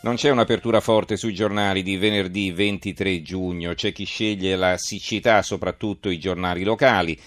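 A man's voice: deep voice, fairly even intonation, moderate pace, hardly any pauses, a bit bright, dry recording, soft background music. A man hosting a live radio press review, reading out headlines and commenting on them. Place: radio studio.

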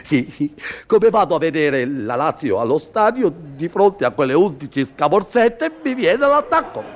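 A man's voice: on the high side, sing-song, measured pace. A man performing a stammering comic monologue, with sneezing fits and mock-noble airs. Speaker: comedian.

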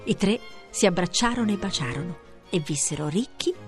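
A woman reading a fairy tale aloud in a measured storytelling manner, slowing down for effect. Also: on the low side, lively intonation, faint music behind. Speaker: storybook reader. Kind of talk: scripted fairy-tale narration.

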